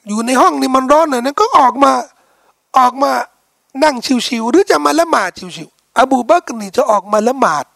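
A man preaching an Islamic lecture, telling the story in a colloquial, animated way and putting rhetorical questions to his listeners. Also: extremely high pitch, normal speed, gravelly, dry recording, studio quality.

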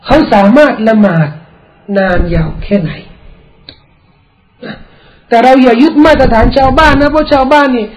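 A man preaching an Islamic sermon, explaining in a relaxed, conversational way and weaving in recited Arabic quotations. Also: extremely high pitch, moderate pace, pauses often, poor audio. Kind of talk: religious sermon.

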